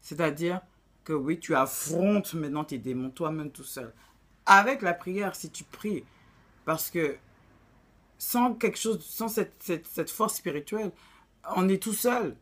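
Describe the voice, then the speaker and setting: African-accented woman vlogging advice, blunt and preachy, husky voice, slips into english. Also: lowish voice, lively intonation, measured pace. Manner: blunt and direct, mixing in English phrases. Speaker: vlogger giving relationship advice. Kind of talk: casual advice vlog, preachy.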